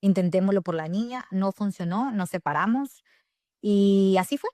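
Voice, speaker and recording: A woman's voice: mid-range voice, moderate pace, no room sound. Candid Salvadoran woman telling her story. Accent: Salvadoran Spanish. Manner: candid, animated storytelling with frequent fillers and self-corrections. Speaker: podcast guest. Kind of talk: personal storytelling in an interview.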